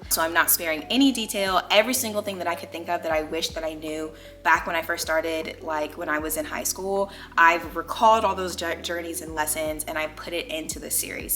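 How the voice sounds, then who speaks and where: A young adult American woman with a fairly low, sharp-toned voice hosts a casual natural hair care tutorial. Chatty and emphatic, she talks to viewers as if they were her girlfriends in easygoing vlog style.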